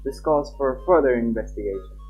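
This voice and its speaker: Over game music, a young man on a livestream chats informally and reads text aloud. His mid-range voice is expressive, husky and a little mellow, moving fairly quickly, and his lo-fi mic is slightly muffled.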